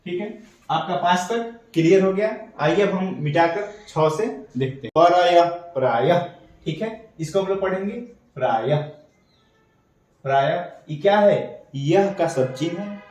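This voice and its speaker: A man teaching an online steno class, slowly spelling out letters and signs one by one. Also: sits high, a little mellow. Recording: echoey dull room audio, mic far off.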